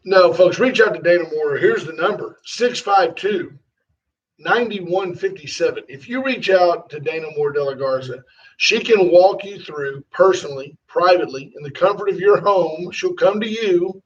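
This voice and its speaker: A man's voice: high-pitched, normal speed, far from the mic. A man co-hosting a talk radio show, joking and reading ads in a casual way. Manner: joking, wisecracking. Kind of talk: casual chat and live ad reads. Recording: dull sound, a bit off-mic.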